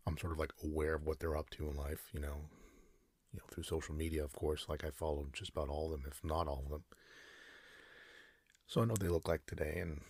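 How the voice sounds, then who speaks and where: Very deep, sleepy, husky male ASMR voice. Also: no echo. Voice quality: breathy, husky, slipping into whisper. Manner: sleepy, drowsy, unhurried and hesitant. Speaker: sleep podcast host. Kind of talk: soft ASMR bedtime rambling.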